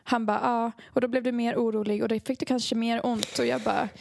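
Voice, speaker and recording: A young woman chatting casually, telling a story with plenty of laughter and little acted-out exchanges. Her voice sits on the higher side. The recording is dry and close. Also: creaky, no echo. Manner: animated storytelling, acting out quoted dialogue, frequent laughter. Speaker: podcast co-host, songwriter. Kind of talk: casual chat.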